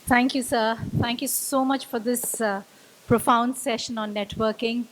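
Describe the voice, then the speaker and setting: Woman emcee with a fairly high voice. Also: steady tone, a little slow, slight background noise, poor audio. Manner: polite, with hesitant fillers. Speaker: event emcee. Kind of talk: formal stage announcing.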